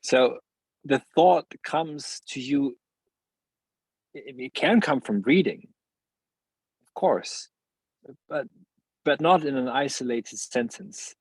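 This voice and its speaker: Husky guy thinking out loud, lots of restarts, dead dry sound. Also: mid-range voice, animated, no echo, rough recording. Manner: searching, halting phrasing with many restarts and laughs. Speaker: podcast guest, philosopher. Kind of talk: reflective interview conversation.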